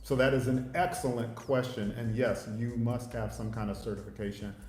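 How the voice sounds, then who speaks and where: A man, a father and host, chatting casually in a measured, halting way with frequent pauses. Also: medium pitch, fairly even intonation, darkish tone. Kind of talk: casual livestream chat. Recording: roomy echo, faint noise.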